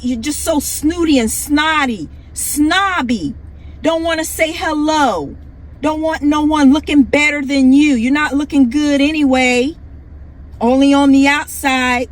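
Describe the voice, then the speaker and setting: A woman's voice: high voice, poor audio. A woman ranting heatedly to her viewers, scolding and combative, hammering the same points again and again. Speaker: vlogger. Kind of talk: heated rant to camera.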